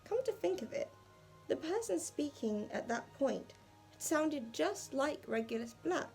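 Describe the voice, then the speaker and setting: A woman's voice: high-pitched, big pitch swings, a little slow, vocal fry, a little mellow, soft background music, low-quality recording. A woman in her twenties reading her old fan fiction aloud and commenting candidly, poking fun at her own writing. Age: 20s. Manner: candid, self-deprecating.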